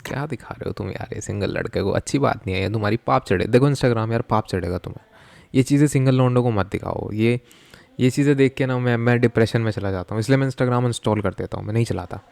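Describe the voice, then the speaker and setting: A man's voice: medium pitch, quick pace, creaky, a little mellow, no room sound. A young Indian man with an Indian accent giving joking, chatty reaction commentary, mixing Hindi and English. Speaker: reaction video host.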